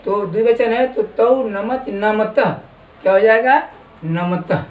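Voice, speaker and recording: A man teaching a classroom lesson, slowly dictating words for students to copy. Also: high-pitched, phone-quality sound. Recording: echoey room from far off.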